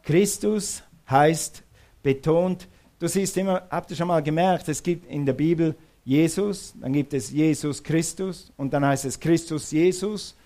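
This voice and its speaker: A man's voice: fairly high pitch, a little slow, dark tone. Emphatic male preacher. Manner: emphatic, repeating questions to the listeners. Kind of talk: sermon.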